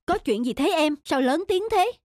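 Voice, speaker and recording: A performer voicing a calm, kind young father in a children's cartoon, speaking in a gentle, soothing way. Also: high-pitched, moderate pace, a little hiss or hum.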